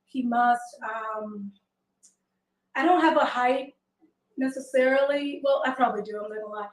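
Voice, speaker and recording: A woman in her twenties from Haiti, a guest on a call-in show, speaking softly and hesitantly with many fillers. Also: on the high side, normal speed, reverberant, recorded from a distance, low-quality recording. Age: 20s. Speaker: show guest seeking a partner. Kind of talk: casual call-in chat.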